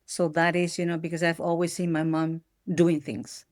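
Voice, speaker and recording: Her voice is low and darkish with a flat delivery at a moderate pace, captured in a dry, clean studio recording. She is a middle-aged woman from Peru, brought up in the Netherlands, appearing as a podcast guest in a reflective personal interview and often restarting her sentences.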